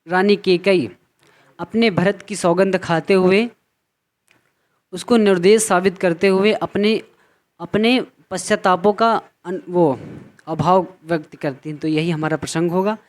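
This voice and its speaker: A man teaching a poem to students, reciting verse slowly and then explaining it line by line, repeating phrases as he goes. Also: high voice.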